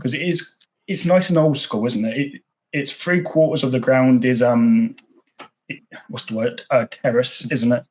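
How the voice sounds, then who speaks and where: Bloke hosting a footy podcast, chatty fan energy, stumbles and repeats himself, mid pitch. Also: male voice, fairly even intonation, normal speed, a little mellow, rough recording. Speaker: podcast host. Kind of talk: casual interview.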